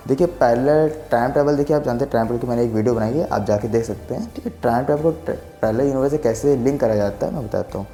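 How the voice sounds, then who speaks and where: A science explainer host in his twenties talks casually to camera, rambling through an idea and repeatedly checking that the listener is following. His mid-range voice is mellow and quick with few pauses, echoing in a large hall over faint background music.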